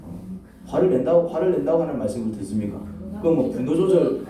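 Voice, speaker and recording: A man's voice: on the high side, expressive, fast, noisy background. Echoey preacher quizzing his congregation. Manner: rhetorical questions to the congregation. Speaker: pastor. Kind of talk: sermon. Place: church sanctuary. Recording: echoey church from a distance.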